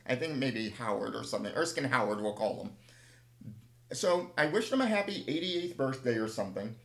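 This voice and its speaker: A man casually telling rambling, humorous anecdotes with a self-deprecating touch. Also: on the high side. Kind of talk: casual chat, storytelling. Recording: echoey room.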